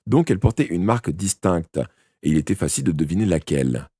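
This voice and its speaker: A man's voice: deep voice, sing-song, quick pace, warm tone, breathy edge, no room sound, studio quality. A man reading a detective novel aloud live, narrating expressively in the first person and now and then correcting a slip. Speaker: audiobook reader. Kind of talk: live unedited audiobook reading.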